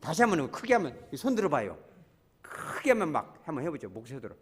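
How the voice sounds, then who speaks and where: A man's voice: on the high side, fast talker, slightly rough. A man preaching a Sunday sermon as pastor, acting out prayers and little scenes and calling the congregation to join in. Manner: animated preaching with acted-out quotes and congregation prompts. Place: church sanctuary.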